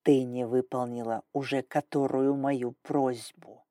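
A woman's voice: very deep voice, unhurried, mellow, breathy edge, no echo, studio quality, pitched below the performer's own voice, exaggerated voice. A woman reading an audiobook, voicing a stern, domineering male dragon lord with an icy, growling manner. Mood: cold fury.

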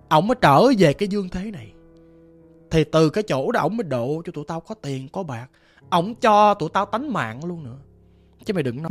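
A storyteller voicing a menacing male cult leader who heads a gang, talking low and slow.

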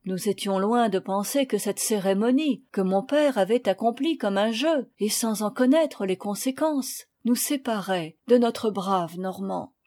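A woman reading a children's novel aloud, with calm, measured storytelling that rises in dramatic moments. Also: mid-range voice. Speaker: audiobook reader. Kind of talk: scripted narration.

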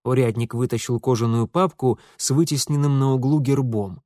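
A man narrating a novel as an audiobook, in a measured storytelling manner. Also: medium pitch, warm tone, no room sound, studio quality. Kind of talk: scripted narration.

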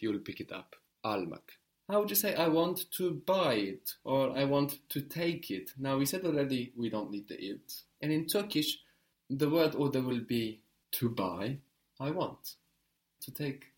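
A man teaching a language lesson, patiently explaining and drilling words slowly with a student. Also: mid-range voice.

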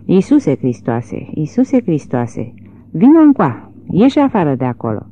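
A woman gives voice to an exasperated country man who curses and barks out rough orders. The voice sits low, and the sound is thin and tinny, like a phone line. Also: sing-song, darkish tone, dry recording, full character voice. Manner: rough, barking commands. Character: exasperated cursing rural man.

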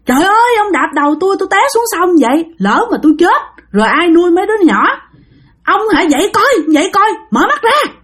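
A shrill old grandmother, acted by a woman, scolds. Her voice leaps high and swings wildly in pitch. She fires accusations fast and loud. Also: sing-song, full character voice. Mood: furious.

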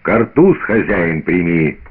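A man voicing a fierce, proud peasant woman who shouts accusations, on a tinny old radio recording. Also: fairly low pitch, very animated, moderate pace, a little hiss or hum. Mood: furious.

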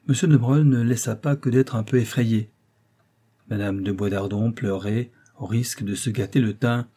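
Male audiobook narrator, husky and low, measured literary delivery. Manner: measured, expressive reading.

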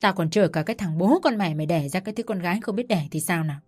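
A woman voicing a furious old mother-in-law who shouts coarse insults, with soft music behind. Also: fairly low pitch, rapid-fire, breathy edge. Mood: furious scolding.

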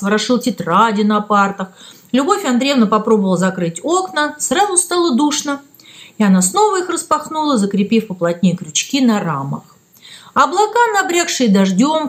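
A woman narrating a children's story in an expressive storytelling manner. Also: a little high. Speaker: reader.

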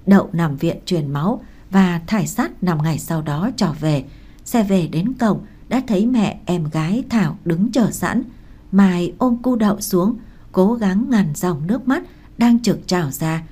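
A woman narrating a novel in a calm, measured storytelling manner. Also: on the low side, slightly rough. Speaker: audiobook narrator.

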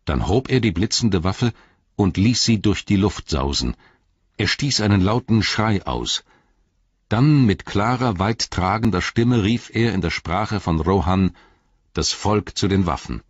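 A man narrating an epic fantasy audiobook in a measured, solemn manner. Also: lowish voice, lively intonation, breathy edge, dry recording. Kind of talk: scripted narration. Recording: dull, lo-fi audiobook recording.

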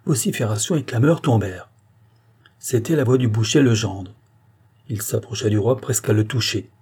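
A man narrating a historical novel as an audiobook in a steady, measured storytelling voice. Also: lowish voice, husky.

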